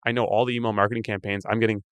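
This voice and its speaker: Canadian guy cohosting a podcast, talks fast, smooth clear voice, dry sound. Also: on the low side, no room sound. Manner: fast, animated, thinking aloud. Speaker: podcast co-host. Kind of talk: casual chat.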